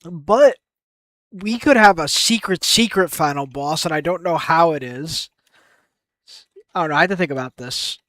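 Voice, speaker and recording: A young man streaming his game development, thinking aloud in an excitable, casual way and swearing now and then. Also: fairly high pitch, normal speed, dry recording. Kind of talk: casual live-stream brainstorming.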